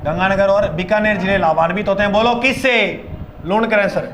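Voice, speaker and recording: A male teacher giving a classroom lecture, loud and playful, drilling students with call-and-response chants. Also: high-pitched, brisk, background noise.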